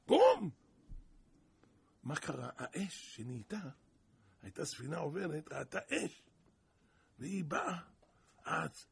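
A man giving a sermon through parables, telling stories in an animated way with sudden loud bursts of emphasis. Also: on the high side. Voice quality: gravelly, raspy. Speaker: preacher.

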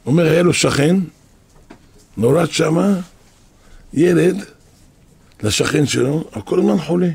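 A man's voice: on the high side, gravelly, pauses often, darkish tone, slightly rough, no echo. A man, a rabbi, telling stories in a sermon, repeating phrases for emphasis and acting out what people said. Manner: repeats phrases for emphasis, acts out quoted speech. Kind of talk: storytelling sermon.

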